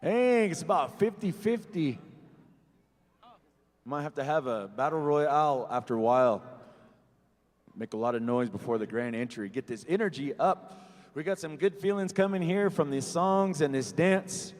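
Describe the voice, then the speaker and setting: A man with a fairly high-pitched voice emcees a powwow over a PA system. He addresses the crowd directly in a folksy, joking style. His words ring with long reverb in a big venue. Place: large echoing venue. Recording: long reverberant arena PA sound.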